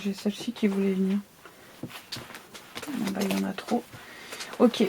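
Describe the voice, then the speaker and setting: A woman's voice: medium pitch, fairly even intonation, moderate pace, creaky, very noisy. A woman with a lisp from new dental braces, giving a casual, conversational tarot reading and often checking that the listener follows. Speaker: tarot card reader.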